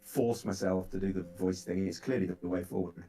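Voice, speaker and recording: A man chatting casually about coding setups, bouncing between thoughts with lots of fillers and restarts. His voice sits a little low and comes through a laptop microphone, with faint guitar music in the background. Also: fairly even intonation, a little fast, warm tone. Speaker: software developer chatting on a call. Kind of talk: casual chat.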